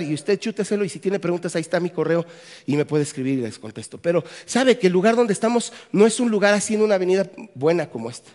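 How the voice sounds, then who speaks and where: High-pitched yet darkish in tone, a Mexican man's voice carries a conference sermon in a Mexican Spanish accent. The pastor is playful, joking and posing questions to the crowd. The room adds a long hall reverb.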